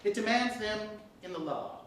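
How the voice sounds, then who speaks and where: Telling scripted comic fairytales to a live audience, a storyteller plays it theatrically, often laughing or drifting into asides. The voice has medium pitch, lively intonation and a bit of brightness at normal speed, recorded from afar in an echoey, noisy room.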